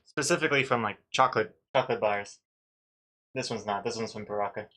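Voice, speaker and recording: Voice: mid-range voice, fairly quick, bright, forceful tone. A webcomic artist chatting casually and rambling, thinking aloud in a hesitant way.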